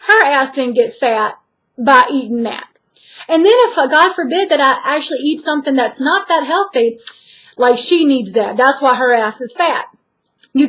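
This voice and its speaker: High-voiced woman, earnest and direct. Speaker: weight-loss vlogger. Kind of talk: personal talk to camera.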